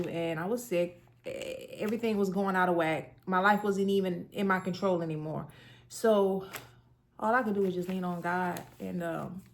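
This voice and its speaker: A woman's voice: fairly low pitch, creaky, a little hiss or hum. A woman in her thirties sharing her own story in casual talk, earnest and conversational with many fillers. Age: 30s. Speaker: person sharing a health story. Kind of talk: casual personal testimony.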